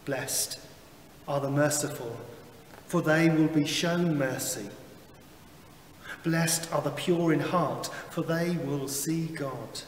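A chaplain leads worship in a small chapel with a wood-panelled wall, reading scripture and prayers in a slow, measured liturgical manner. His voice is on the high side, captured from a distance by a far camera as he sits behind a lectern, with echo and a little hiss or hum.

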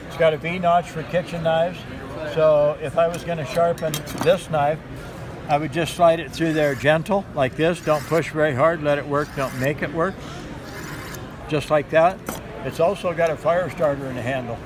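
A middle-aged man giving a knife-sharpening sales demo at a gun show, talking in steady instructive patter and repeating simple tips. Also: fairly high pitch, moderate pace. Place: busy indoor gun show hall. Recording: noisy crowded show floor. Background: crowd chatter.

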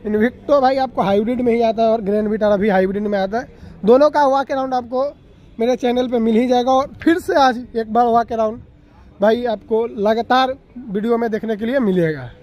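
High-voiced young man touring an expo. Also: fairly quick, darkish tone, highs cut off. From Bihar, India. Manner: chatty, keeps addressing viewers as brother. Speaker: auto vlogger. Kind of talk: walkaround vehicle review vlog. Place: outdoor expo grounds. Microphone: phone camera at arm's length.

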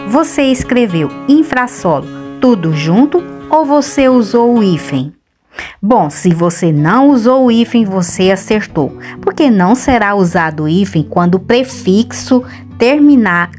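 Brazilian woman teacher, high and animated, slow deliberate dictation. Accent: Brazilian Portuguese. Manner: slow, clear dictation with drawn-out words; chatty and questioning with the viewer. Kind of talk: dictation and grammar lesson.

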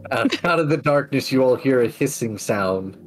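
A man's voice: medium pitch, lively intonation, normal speed, faint music behind. A man narrating an online tabletop game as game master.

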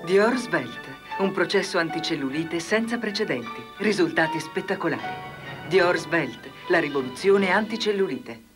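A woman delivering a scripted infomercial-style beauty pitch as a commercial spokeswoman. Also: animated, moderate pace, music in the background.

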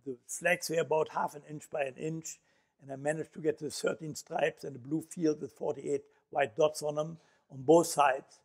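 An older man from the Netherlands, a Holocaust survivor, lectures an audience from an auditorium stage in a Dutch accent. His slightly high, darkish voice, with vocal fry and fairly even intonation, is picked up from a distance. He tells his story in a reflective, unhurried way, with frequent fillers between thoughts.

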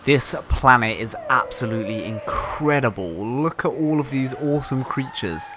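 A man hosting a gaming video in a casual, excitable way, commentating and reading game text aloud. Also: mid-range voice, normal speed, background noise. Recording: music behind the voice. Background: game music.

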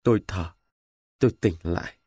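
A man narrating a war novel in the first person with dramatic, expressive delivery. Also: low voice, normal speed, slightly rough, dry recording, studio quality. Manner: expressive, emotional storytelling. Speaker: audiobook narrator.

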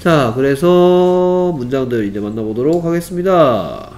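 A man's voice: on the high side, expressive, unhurried, a little mellow. A man tutoring English one-on-one in Korean, patiently asking quiz questions. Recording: faint background noise.

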